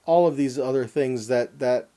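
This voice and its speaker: Medium in pitch and dark in tone, a man speaks at normal speed while teaching the weekly Torah portion. He delivers it like a sermon, stressing the verses he reads and asking his audience rhetorical questions.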